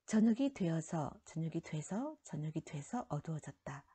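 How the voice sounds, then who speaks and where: A woman's voice: low voice, very animated, normal speed, warm tone, slightly rough. A woman teaching a middle school grammar lesson, explaining rules step by step and trailing off into a near whisper at the ends of some phrases. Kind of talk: recorded classroom lecture.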